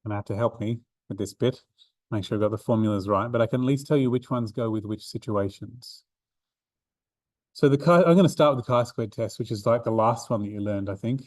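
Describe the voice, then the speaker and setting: A man's voice: mid-range voice, brisk, darkish tone, dry recording. Chatty man tutoring a statistics class. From Australia. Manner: chatty, many ums and restarts. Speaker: maths tutor. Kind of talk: revision seminar lecture. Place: university classroom.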